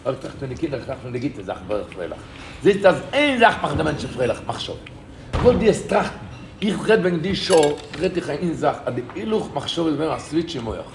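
A man's voice: a little high, very animated, brisk, gravelly. Emphatic man teaching in an echoey room. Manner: emphatic, repeats key phrases, rises to bursts of emphasis. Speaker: rabbi giving a talk. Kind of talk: informal spoken talk to a group. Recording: echoey room with loud background noise.

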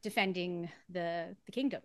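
A woman's voice: on the low side, moderate pace, a bit bright, no room sound. Woman guest singer from Trinidad, chatty with frequent laughs; dry close sound. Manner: chatty, laughs often while explaining. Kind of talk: casual interview conversation.

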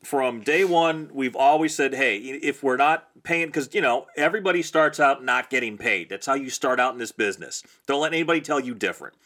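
A man's voice: mid-range voice, lively intonation, brisk, hardly any pauses, pushed and bright. A man co-hosting a podcast on indie filmmaking, telling stories from his early shoots in a blunt, ranting, casual way.

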